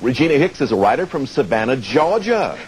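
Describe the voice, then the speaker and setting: Lively American male game show host. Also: medium pitch, brisk, slight background noise, low-quality recording. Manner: clear step-by-step explaining, addressing players and viewers. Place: TV studio.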